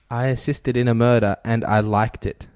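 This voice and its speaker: A man's voice: medium pitch, steady tone, moderate pace, darkish tone, clear, resonant tone, dry recording. Young male podcast host, mid-range voice, crude and giggly, reads confessions with laughs breaking through. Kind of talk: casual podcast chat, reading out listener confessions.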